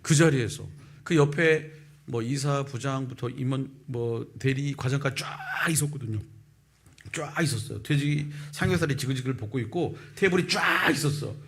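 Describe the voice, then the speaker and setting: A male pastor in his fifties preaching a sermon and telling a personal testimony, with lively storytelling that acts out the people in it. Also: mid-range voice, normal speed, creaky, husky. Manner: animated storytelling, acting out quoted voices. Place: church sanctuary.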